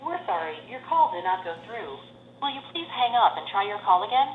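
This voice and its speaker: A woman's voice: mid-range voice, big pitch swings, brisk. Tinny recorded phone message from a woman. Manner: polite, formal, repetitive phrasing. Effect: recorded phone message over speakerphone. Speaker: automated phone operator message. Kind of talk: scripted recorded announcement. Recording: tinny speakerphone line in echoey room with faint hiss.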